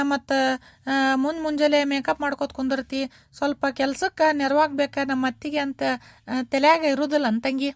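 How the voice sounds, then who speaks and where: In a cartoon, a woman with a slightly bright voice plays a nagging older mother-in-law who complains shrilly and repeats herself, using a North Karnataka Kannada accent. The sound is studio quality without echo.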